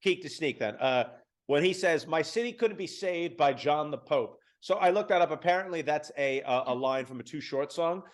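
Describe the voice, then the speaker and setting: A man's voice: on the high side, lively intonation, normal speed, hardly any pauses. A man in his thirties co-hosting a music podcast, chatting casually with many fillers and self-deprecating asides. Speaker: podcast co-host. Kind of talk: casual chat.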